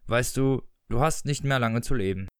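A man voicing a frail, cool and scheming elderly husband with a dry, unhurried manner, in a German story reading. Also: medium pitch, clean tone, dry recording, lightly acted. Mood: cold.

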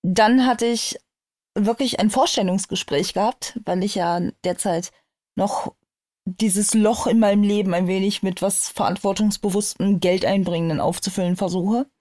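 Woman cohost on a podcast, sarcastic and dry, mellow voice, dead dry sound. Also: mid-range voice, steady tone, normal speed, dry recording. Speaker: podcast co-host. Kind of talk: casual chat.

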